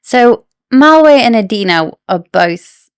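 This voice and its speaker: A woman's voice: a little high, lively intonation, slow pace, clean tone, dry recording, clean studio sound. A woman co-hosting a podcast, casually discussing a book and musing over plot theories. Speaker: podcast co-host.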